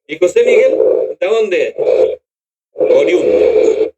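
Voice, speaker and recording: A Chilean-accented man hosts a radio interview, friendly and chatty. His voice sits a little high for a man and moves lively up and down in pitch. He greets and questions his guests with easy warmth of manner. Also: drawn-out words, highs cut off. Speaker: radio host.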